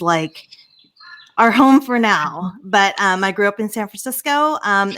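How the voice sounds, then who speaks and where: A woman author on a video call panel, introducing herself in a clear, organized way. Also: mid-range voice, fairly bright tone. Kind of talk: panel discussion.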